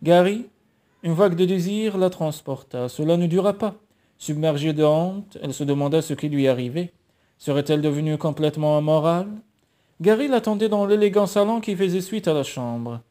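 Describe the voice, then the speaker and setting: Un homme qui lit un roman à voix haute, narration posée en donnant une voix à chaque personnage. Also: male voice, fairly high pitch, moderate pace, mellow. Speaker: lecteur de roman.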